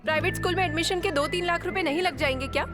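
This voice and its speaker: Snappy teen daughter, really high voice, music behind. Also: female voice, rapid-fire, long reverb tail. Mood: exasperated. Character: teenage daughter, sharp-tongued sister. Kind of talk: Hindi film dub. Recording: film dub over music.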